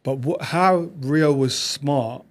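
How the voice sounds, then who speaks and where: A man, a podcast guest telling stories about his past in quick, animated bursts. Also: on the high side. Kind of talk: reflective conversational storytelling.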